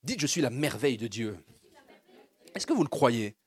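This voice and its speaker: A man's voice: mid-range voice, big pitch swings, normal speed, husky. A man preaching a sermon, leading the congregation in call-and-response and building fervor. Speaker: pastor.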